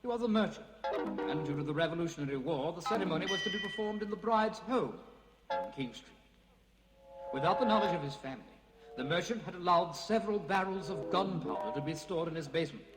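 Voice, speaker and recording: A man narrating ghost stories in a spooky, theatrical way, moving between hushed and urgent delivery. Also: high voice, animated, fast talker. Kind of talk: dramatic scripted storytelling for a ghost tour record. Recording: reverberant hall sound with loud music behind. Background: music.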